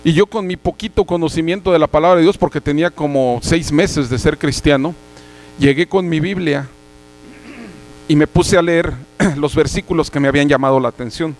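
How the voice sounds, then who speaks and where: A young man preaching earnestly, telling a personal testimony and clearing his throat at times. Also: fairly high pitch, normal speed, low-quality recording. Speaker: church brother giving a sermon.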